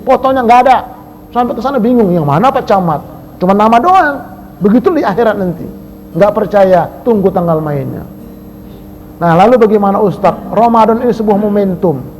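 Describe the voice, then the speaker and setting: A man preaching a lively sermon, swinging between loud emphasis and soft asides. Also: sits high, a little hiss or hum, poor audio.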